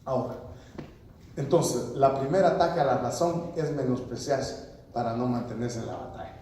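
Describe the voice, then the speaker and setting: A man's voice: medium pitch, moderate pace, dark tone, slight background noise. A pastor preaching a sermon, full of rhetorical questions and quoted voices of his congregation. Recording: echoey hall, mic far off.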